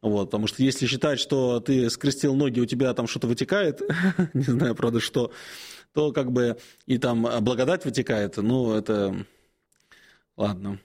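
Taking questions on a call-in program, this Orthodox priest in his forties uses a medium-pitched voice. His replies come slowly, broken by frequent hesitations, and carry gentle advice.

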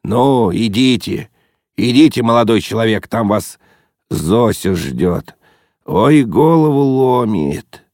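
A man voicing a grumpy old father with a bandaged head who talks gruffly, sighing and groaning. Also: fairly low pitch, lively intonation, slow pace, darkish tone, dry recording, clean studio sound, voice pushed up.

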